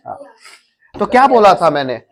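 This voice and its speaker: A man's voice: sits high, big pitch swings, normal speed, crowd noise. A man teaching grammar to a class of students, drilling them with repeated questions. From India.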